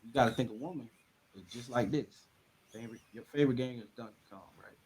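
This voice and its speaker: A man's voice: mid-range voice, fast, darkish tone, slightly rough. A man guesting on a podcast over a remote mic, talking in an emphatic, slangy way while his audio keeps cutting in and out from a faulty mic cable. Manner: emphatic and slangy, drives points home with questions. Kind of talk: casual chat. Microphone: remote call mic.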